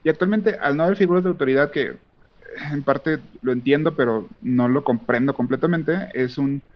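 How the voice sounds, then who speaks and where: A man's voice: medium pitch, normal speed, lo-fi sound. Rambling Mexican man, slangy chat. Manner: rambling, frequent restarts and slang. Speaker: podcast co-host. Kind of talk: casual group chat.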